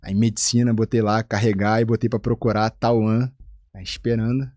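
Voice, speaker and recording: A man from Rio de Janeiro with a Carioca accent, a physician guest telling a personal story in a casual, animated way and acting out the voices of the people in it. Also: moderate pace, dry recording. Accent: Carioca Brazilian Portuguese. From Rio de Janeiro, Brazil. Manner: animated, acts out quoted voices with big pitch jumps.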